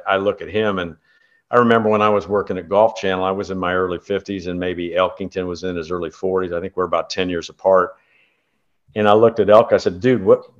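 A man's voice: deep voice, fairly bright tone, muffled recording. A man in his sixties from California, a former tour golfer, chatting as an interview guest in a rambling, anecdotal way with many fillers. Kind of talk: casual interview chat.

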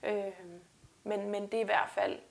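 A woman's voice: medium pitch, little pitch movement, gravelly. A woman weightlifter talking earnestly and reflectively in a casual interview, often restarting her sentences. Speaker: guest weightlifter.

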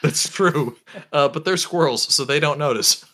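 A man narrating a tabletop game as game master, relaxed and halting, with many fillers and restarts. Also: fairly high pitch.

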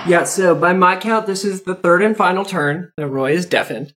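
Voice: medium pitch, moderate pace, fairly bright tone. A player in a tabletop game, talking methodically about the rules. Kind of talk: casual tabletop play.

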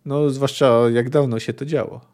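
A man's voice: mid-range voice, fairly even intonation, moderate pace, a little mellow. A man hosting a book podcast, reading passages aloud and commenting on them in a thoughtful, hesitant way. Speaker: podcast host discussing a book.

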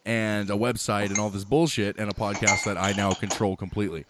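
A man's voice: on the low side, fairly even intonation, a little fast, heavy background noise. An American man hosting a podcast in casual chat, blunt, joking and sweary. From United States. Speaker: podcast host.

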